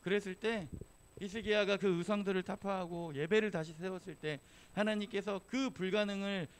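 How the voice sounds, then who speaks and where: A man's voice: high voice, fairly even intonation, moderate pace, clean tone. A man giving a casual, humorous youth sermon in a church, telling stories and acting out quotes. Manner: chatty and humorous, slipping into acted quotes. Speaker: youth pastor. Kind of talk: casual storytelling sermon to teenagers.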